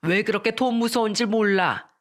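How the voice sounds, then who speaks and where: A storyteller voicing an angry middle-aged mother-in-law who scolds her daughter-in-law in a raised, shrill voice. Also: normal speed, natural voice. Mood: scolding. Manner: shrill and scolding, rising louder.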